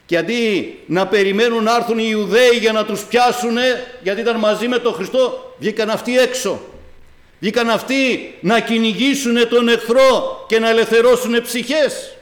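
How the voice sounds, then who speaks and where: A man preaching a sermon, building from calm scripture reading to impassioned, emphatic rhetorical questions. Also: very high-pitched.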